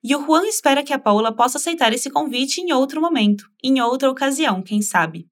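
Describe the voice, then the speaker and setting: A woman teaching a language lesson in a slightly high voice. She is patient and encouraging, modeling each phrase slowly and asking the listener to repeat after her. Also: animated.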